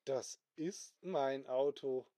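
A man's voice: medium pitch, drawn-out words, warm tone, dry recording. A man voicing an indignant, easily startled male car owner in a spoken bedtime story, with outraged exclamations. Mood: bewildered.

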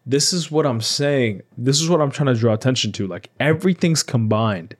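A man's voice: mid-range voice, expressive, moderate pace. A man hosting a casual podcast chat who affirms the others and repeats his points for emphasis.

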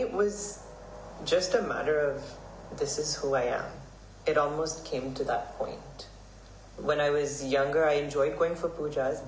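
Earnest young man in a roomy space. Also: mid-range voice. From Hong Kong. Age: 20s. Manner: earnest, measured storytelling with fillers. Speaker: guest, Vedic pandit. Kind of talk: podcast interview answers. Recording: roomy, somewhat distant mic, faint noise.

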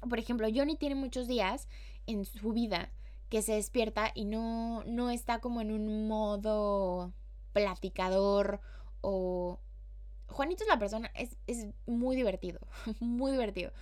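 A woman's voice: medium pitch, a little slow, a little mellow. A woman with a Mexican accent, hosting a podcast in a chatty, slangy, casual way. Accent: Mexican Spanish. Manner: chatty and slangy, with playful acted-out quotes. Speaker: podcast host.

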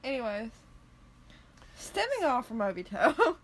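A young woman, co-hosting a casual podcast chat and telling animated stories. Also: on the high side, a little slow, low-quality recording. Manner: animated, laughing storyteller. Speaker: podcast co-host.

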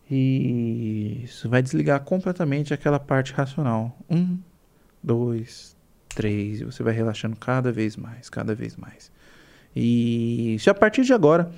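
A man with a Brazilian accent leading a hypnosis induction as a hypnotist, in soothing, repetitive commands with deliberate pauses. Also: mid-range voice, a little mellow. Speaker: hypnotist guest.

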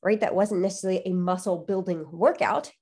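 A woman's voice: mid-range voice, fairly quick, darkish tone, husky. A woman hosting a solo podcast, explaining things conversationally and emphatically, with a nasal voice stuffed up by a cold. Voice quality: nasal, congested. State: has a cold. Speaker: podcast host.

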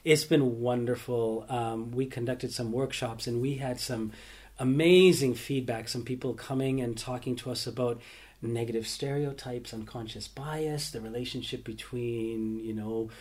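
A man's voice: mid-range voice, steady tone, moderate pace, few pauses, a little mellow. A man hosting a casual interview podcast from an office, upbeat and enthusiastic, with frequent ums. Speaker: podcast host. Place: office in a theatre building.

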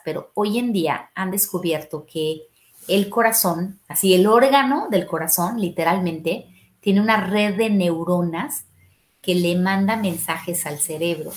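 Lower-voiced woman giving parenting advice. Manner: explanatory, acts out parent and child questions in a raised voice. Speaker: family therapist. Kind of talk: podcast advice talk.

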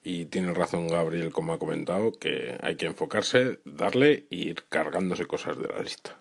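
A deep-voiced man records a casual voice message. His voice is gravelly with heavy fry and a husky, rough grain. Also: normal speed.

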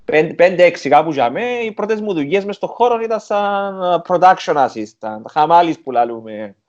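A man's voice: fairly high pitch, lively intonation, muffled recording. A man with a Greek Cypriot accent telling stories casually as an interview guest, dropping English words into his talk. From Cyprus. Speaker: interview guest, film and theatre director. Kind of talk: casual conversational storytelling.

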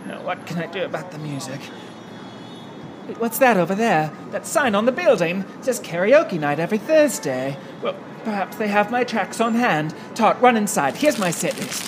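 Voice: mid-range voice, animated, normal speed. Grandiose theatrical performer, noisy recording. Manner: theatrical, grandiose, self-dramatizing. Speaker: stage performer. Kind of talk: comedic mockumentary talk. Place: car parked in a lot, then small restaurant.

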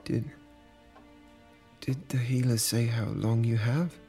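An actor playing a grief-stricken young man who breaks into anguished shouting. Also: medium pitch, fairly even intonation, takes it slowly, faint music behind. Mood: stunned. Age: young adult.

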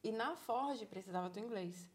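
A woman in her thirties from Salvador, Bahia, speaks with a Bahian Brazilian Portuguese accent in a casual, conversational interview. She is a psychologist living abroad, an animated and encouraging storyteller who acts out quoted dialogue, her voice a little high at a moderate pace.

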